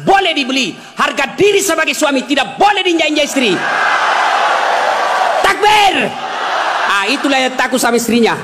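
A male preacher giving a humorous sermon, teasing his audience, shouting at times and crooning bits of songs. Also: very high-pitched, quick pace, hardly any pauses, over a noisy crowd, heavy background noise. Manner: animated, teasing, swings between shouting and crooning song snippets.

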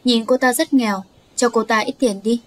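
A woman's voice: on the high side, normal speed, lightly acted. A woman voicing a self-assured rich man. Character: rich man in a suit, amused and generous.

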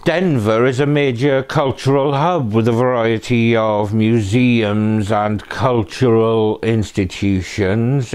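On a living room sofa, a middle-aged man hosts a true crime show, reading his script phrase by phrase and tossing in playful asides. His voice sits at medium pitch with a slightly mellow quality.

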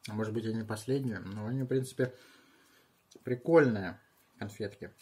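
A man in his thirties chatting casually on a home vlog in halting short bursts while he handles and tastes things, with a husky voice. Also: on the low side, mellow. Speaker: video host tasting candy. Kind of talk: casual vlog chat with muttered reactions. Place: small room at home.

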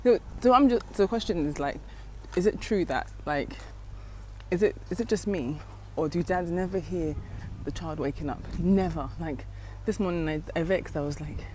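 A woman's voice: fairly low pitch, moderate pace, dark tone. Young woman, rambling confiding vlog chat, outdoor street, earphone mic, traffic noise behind. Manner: chatty, rambling, confiding asides. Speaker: vlogger, mother. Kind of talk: casual walking vlog chat. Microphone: wired earphone mic, phone at arm's length.

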